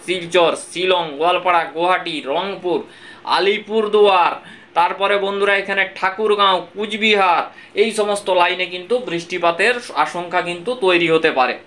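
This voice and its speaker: A man talks through an informal weather forecast. His voice sits high and sounds bright, and he reels off long strings of place names in a steady run. He keeps addressing his listeners as friends. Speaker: weather presenter.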